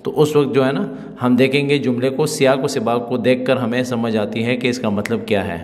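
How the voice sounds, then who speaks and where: A man at a middle pitch gives a spoken-language lesson and repeats example sentences slowly for learners. His voice carries a long reverb from the room around him. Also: steady tone, a little mellow. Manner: explains slowly, repeating phrases to drill them. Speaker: Arabic teacher.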